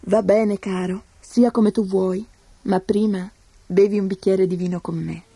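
Woman voicing a sly, gentle peasant girl. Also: mid-range voice, fairly even intonation, a little slow, vocal fry. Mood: calm, sly. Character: clever, calm young peasant girl.

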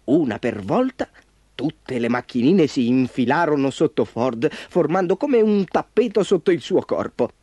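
A man narrating a children's story aloud in an expressive reading style. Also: on the high side, measured pace, slightly rough, no room sound. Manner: expressive storytelling, lively delivery. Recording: soft background music.

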